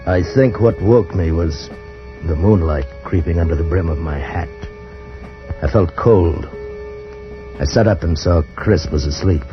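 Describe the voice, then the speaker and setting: In a 1950s old time radio drama, a male actor voices Johnny, a haunted adventurer recounting a desert ordeal through first-person narration and dialogue. His low-pitched voice moves a little slowly with long pauses, hushed and tense before breaking into desperate cries in dramatic radio play style. The muffled old recording has music underneath.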